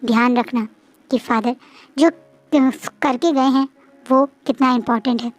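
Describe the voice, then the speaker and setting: A woman voicing a calm elder brother who earnestly warns his sibling in a storybook reading. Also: high-pitched, measured pace, faint music behind.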